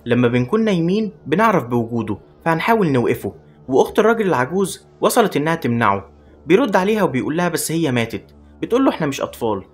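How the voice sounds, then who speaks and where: A man with an Egyptian accent races through a horror film recap, his lines tumbling out at a very fast pace. His voice sits a little high and swings up and down in a lively way. Soft music plays faintly beneath the narration. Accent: Egyptian Arabic.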